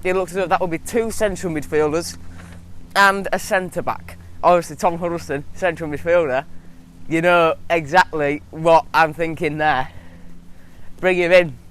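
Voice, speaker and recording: Lisping higher-voiced young man in a retainer. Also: steady tone, normal speed, fairly bright tone. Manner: lisping, slurred talk from wearing a retainer. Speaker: football vlog host. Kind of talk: casual vlog to viewers. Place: outdoors. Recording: outdoor noise, vehicles, passing grass cutter. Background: traffic-like outdoor noise, grass cutter.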